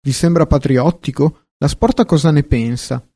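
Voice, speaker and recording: A man reading as a pompous kettle, speaking slowly and indignantly. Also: on the high side, warm tone, husky. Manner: indignant and slow. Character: pompous male kettle, prickly and patriotic. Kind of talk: storybook reading.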